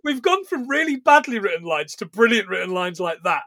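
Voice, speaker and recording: Lively, high-pitched sweary man. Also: brisk, no room sound, clean studio sound. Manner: animated, sweary, laughs a lot. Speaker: podcast co-host recapping a film. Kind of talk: casual chat.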